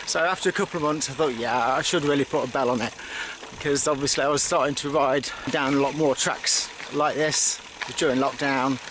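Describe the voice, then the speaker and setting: A man's voice: mid-range voice, steady tone, a little fast. A man from the United Kingdom casually talking to camera while riding a bike on an outdoor path, rambling with fillers and restarts. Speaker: cycling vlogger. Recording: outdoor wind and road noise.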